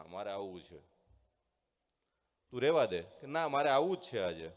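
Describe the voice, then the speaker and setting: A man who is a former student giving a motivational speech with a story to schoolchildren, earnest, acting out voices and slowing down for key points. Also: mid-range voice. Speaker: guest speaker, former student addressing schoolchildren. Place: large hall at a school event. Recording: long hall reverb.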